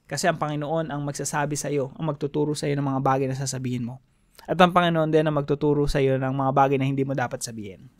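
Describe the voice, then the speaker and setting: A man from the Philippines giving a casual devotional talk, animated and chuckling between points, switching between Tagalog and English. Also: a little high, fast, no echo, clean studio sound. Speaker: devotion preacher.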